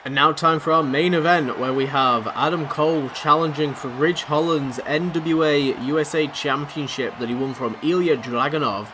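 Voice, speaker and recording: His voice is on the high side and fading as this YouTuber calls a match in a wrestling video game at normal speed, with few pauses. Excitable, rambling and self-deprecating, he talks over a noisy background.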